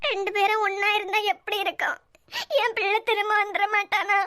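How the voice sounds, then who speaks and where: A woman voicing a very high-pitched grieving mother. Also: steady tone, fast talker, dry recording, studio quality. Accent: Kanyakumari Tamil. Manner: tearful lament. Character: grieving middle-aged mother, anxious, tearful. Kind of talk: cartoon web series dialogue.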